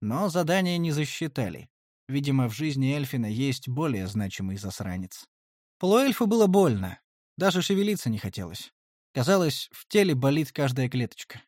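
A man's voice: medium pitch, sing-song, normal speed, a little mellow, dry recording. Male fantasy audiobook narrator, dry sound.

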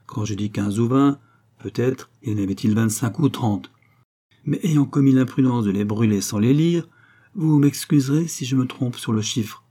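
A man's voice: medium pitch, normal speed, dark tone, close to an everyday voice. A man reading aloud, voicing a haughty aristocratic lady with a cold, mocking, imperious manner.

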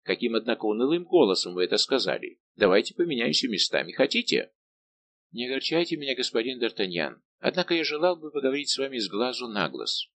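A man's voice: medium pitch, sing-song, fast, no room sound. Man voicing a teasing, jovial musketeer captain. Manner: warm, bantering and persuasive. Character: lively teasing male musketeer captain, middle-aged.

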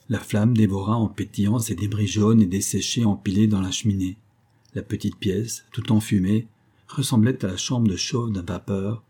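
Male narrator, audiobook, measured storytelling, mellow, husky. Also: lowish voice. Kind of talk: scripted narration.

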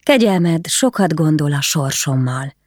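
Brief: timid yet bold young widow, read by the narrator, soft and hushed, dry close sound. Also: female voice, sits low, animated, no room sound. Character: young noble widow, shy but bold.

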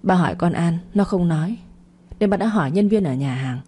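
A woman's voice: fairly low pitch, lively intonation, brisk, warm tone, husky. A woman voicing a stern, angry middle-aged father who scolds and reproaches. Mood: scolding.

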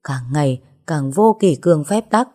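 A woman's voice: deep voice, expressive, moderate pace, warm tone. A woman voicing a ruthless older female gang boss who speaks harshly and commands. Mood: cold, stern.

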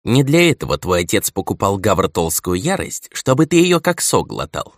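A man's voice: lowish voice, very animated, moderate pace, no room sound, clean studio sound. A man voicing a stern scolding old steward. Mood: impatient. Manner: nagging, lecturing elder.

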